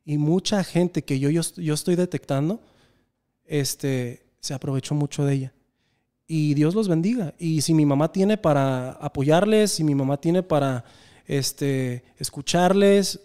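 A man with a Mexican accent tells personal stories in a casual, earnest way. His voice sits a little high but sounds mellow and smooth. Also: a little slow. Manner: earnest, reflective storytelling. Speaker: podcast guest. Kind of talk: casual conversation.

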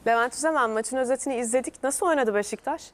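A woman's voice: high-pitched, quick pace. A woman presenting a sports programme in a conversational style, putting questions to a guest.

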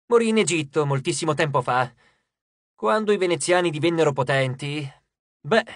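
Triptolemo-type: man doing a haughty, breezy male god, scornful lecturer, slightly high, dry studio read. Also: fairly bright tone, no echo. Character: haughty petulant male god, dismissive and capricious. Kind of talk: audiobook character reading.

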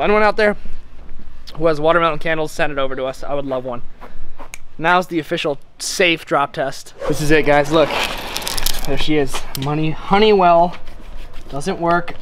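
A man's voice: fairly high pitch, fairly quick, fairly bright tone, a little hiss or hum. A man in his twenties vlogging outdoors, talking enthusiastically and straight to his viewers. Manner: enthusiastic, addresses viewers directly. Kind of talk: casual outdoor vlog. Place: outdoors by a house.

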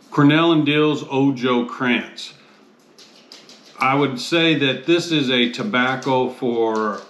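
An American man in his fifties reviews a product in a roomy, echoey space. His pitch is average and his delivery is casual and measured. He often pauses mid-phrase to find the next word. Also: fairly bright tone. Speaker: host of a pipe tobacco review show.

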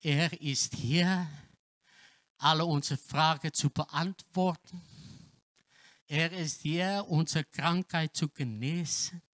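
A male pastor preaching a sermon in with grammar slips, dropping to hushed tones and rising to shouts of praise. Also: on the high side, slow pace. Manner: non-native German with grammar slips, swings from hushed to shouting. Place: church hall.

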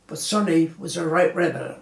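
Old gent in his 90s, reminiscing for an oral history, rather high voice, roomy echo. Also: steady tone, gravelly. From Galway, Ireland. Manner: rambling, with many pauses and fillers. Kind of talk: unhurried storytelling reminiscence. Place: small living room indoors, seated in armchair. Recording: roomy living-room echo.

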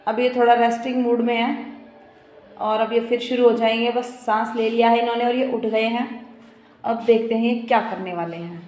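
A woman's voice: fairly high pitch, steady tone, a little fast, darkish tone. A woman filming her husband for a home vlog, teasing him in playful banter from behind a phone camera. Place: echoey home gym room. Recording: echoey room.

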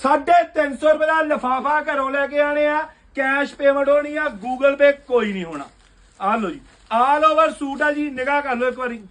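A man, a shopkeeper giving a loud live sales pitch for suits in his basement clothing shop, calling out prices rapid-fire.

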